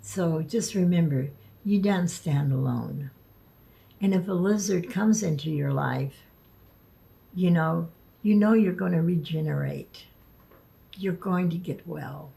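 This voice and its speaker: A woman vlogging casually, speaking haltingly and stumbling over words, with the lisping, slurred sound of missing front teeth. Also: lowish voice, vocal fry, dark tone. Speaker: video creator. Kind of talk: casual spoken vlog, partly reading aloud.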